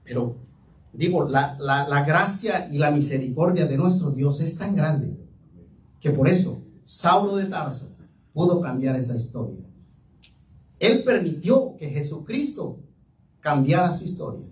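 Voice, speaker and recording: A man's voice: fairly high pitch, animated, a little slow. A man preaching a sermon in a church, telling a story with fervent, dramatic emphasis. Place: church sanctuary. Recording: echoey room, mic far off.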